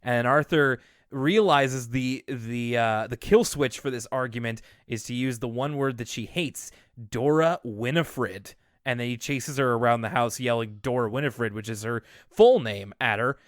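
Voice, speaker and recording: A man's voice: medium pitch, moderate pace, no echo, studio quality. A man co-hosting a podcast, recapping a cartoon episode in a chatty, wry way with many fillers. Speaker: podcast co-host. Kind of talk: casual chat.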